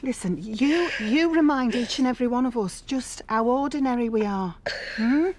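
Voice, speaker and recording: High-voiced woman, soothing and reassuring toward a child. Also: drawn-out words. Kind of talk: TV drama acting.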